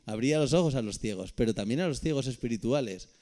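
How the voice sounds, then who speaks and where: A man with a Peninsular Spanish accent and a mellow, mid-range voice leads a Bible study sermon. He reads scripture aloud and adds conversational asides to his listeners.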